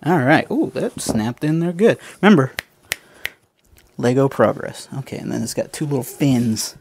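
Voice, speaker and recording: A man's voice: medium pitch, expressive, normal speed, vocal fry, a little mellow, a little hiss or hum. A man chatting casually to viewers as he builds a toy kit, joking at his own expense and calling them folks. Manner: chatty, self-mocking, talks to viewers as folks. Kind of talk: casual unscripted build commentary.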